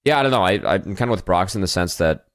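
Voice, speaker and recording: A man's voice: low-pitched, lively intonation, quick pace, no room sound, studio quality. A man co-hosting an esports podcast, talking hesitantly with many fillers. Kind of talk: casual esports chat.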